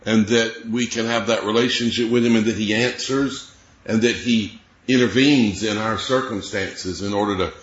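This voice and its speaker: A man's voice: lowish voice, roomy sound, dull audio. A man preaching a sermon, explaining scripture in an earnest way and reading verses aloud.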